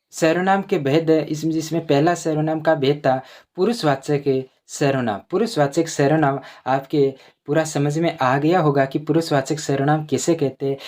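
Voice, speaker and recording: A teacher walking students through a grammar lesson. The voice reads out example words slowly, one after another, and says each example sentence twice so it sinks in. It asks questions and answers them itself. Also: mid-range voice, a little mellow.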